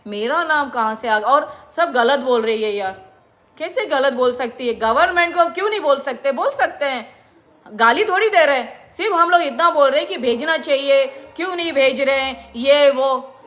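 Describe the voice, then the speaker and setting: A woman's voice: high voice, normal speed, a bit bright. A middle-aged woman from India, lecturing her viewers in an indignant, repetitive monologue. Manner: indignant, lecturing, repeats herself. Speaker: vlogger.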